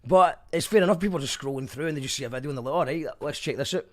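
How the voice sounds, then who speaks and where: A Scottish radio host runs a casual, chatty interview and reads out listener messages. His voice is fairly high and a bit bright, and he talks very fast.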